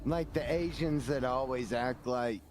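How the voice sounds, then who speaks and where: A man co-hosting a casual chat in an animated, teasing way, swearing casually. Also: medium pitch, a little slow.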